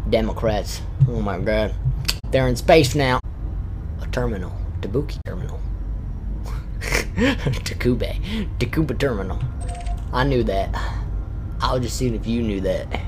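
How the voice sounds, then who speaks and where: A man streaming a space game live, excitable, cursing and yelling at the game as he plays. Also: medium pitch, measured pace, pauses often, music in the background. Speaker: gaming streamer. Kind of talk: live gameplay commentary.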